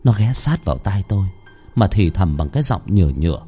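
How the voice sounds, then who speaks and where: A man's voice: low voice, big pitch swings, fairly quick, warm tone, slightly rough, soft background music. A man narrating a ghost story in a dramatic, suspenseful manner.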